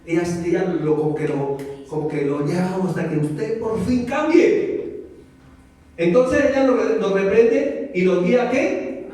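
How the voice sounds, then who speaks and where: A man with a Colombian accent, preaching a lively sermon to a congregation, full of rhetorical questions and acted-out voices. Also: high-pitched, measured pace. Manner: animated, many rhetorical questions, acts out voices. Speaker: pastor. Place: church hall. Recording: very echoey hall from far off.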